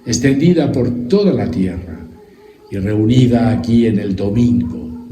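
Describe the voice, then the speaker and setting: A priest leading Mass, reciting the liturgical prayers in a solemn, measured way, his voice carrying a church echo. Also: on the low side, dark tone. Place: large church. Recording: roomy church echo with faint music.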